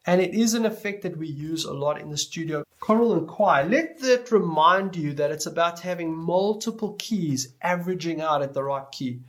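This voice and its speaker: A male music production instructor gives an explanatory tutorial lecture, speaking deliberately and stressing key words along the way. His voice is high-pitched and a bit bright.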